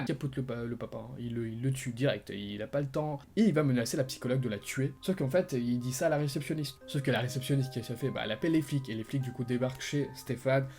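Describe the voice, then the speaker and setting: Man, relaxed mellow voice, chatty explainer, lively retelling, faint music underneath. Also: mid-range voice. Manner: animated retelling with sound words and fillers. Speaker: YouTuber explaining the endings of an interactive film. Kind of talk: casual explainer narration.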